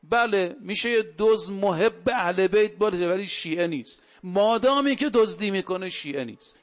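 A man with a high-pitched voice delivers a sermon, pressing his points with rhetorical questions and telling stories as he preaches. The recording sounds dull and lo-fi. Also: lively intonation. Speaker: cleric.

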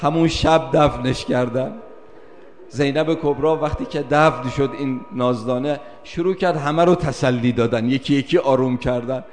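A man from Tabriz delivering a mourning sermon in an impassioned, chanting lament. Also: medium pitch. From Tabriz, Iran. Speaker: mourning eulogist. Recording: long hall reverb.

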